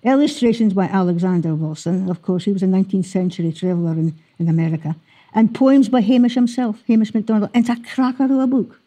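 A woman's voice: mid-range voice, fast talker, warm tone. A woman with a broad Scottish accent presenting a gardening radio show informally and chattily, sprinkling in Scots words.

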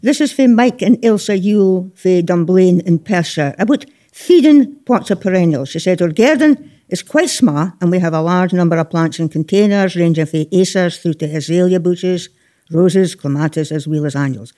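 A woman's voice: lowish voice, moderate pace, dark tone. A woman with a broad Scottish accent presenting a gardening radio programme, chatty and bantering, with Scots dialect words. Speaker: radio host.

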